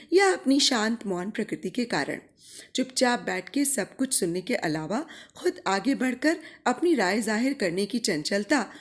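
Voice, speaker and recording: A woman storyteller reads a literary tale aloud with measured, careful pacing. Her voice sits a little high and moves a great deal in pitch, giving the narration a lively, expressive shape. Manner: measured, expressive reading with quoted dialogue.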